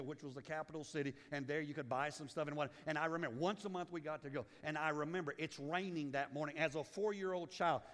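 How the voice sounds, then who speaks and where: A man from Liberia preaching a sermon as pastor, swinging from loud urgency down to hushed, low lines. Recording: long hall reverb.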